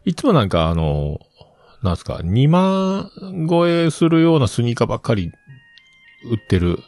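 A man's voice: mid-range voice, big pitch swings, normal speed, a little mellow, dry recording, clean studio sound. A middle-aged man casually rambling through a personal story, acting out the bits he quotes. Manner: chatty storyteller who acts out quoted bits.

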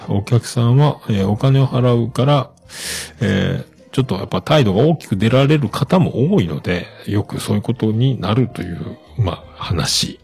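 Man, podcast host, casual chat, gravelly, lively pitch. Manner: relaxed, lots of fillers, reads messages aloud. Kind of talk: casual chat reading listener messages.

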